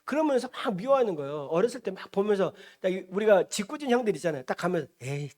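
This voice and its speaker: A male pastor preaching in a church, his pitch swinging widely from phrase to phrase. He tells the story with lots of animation, jumping into the characters' voices as he goes. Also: racing. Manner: animated, acts out the characters he describes. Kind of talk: storytelling sermon.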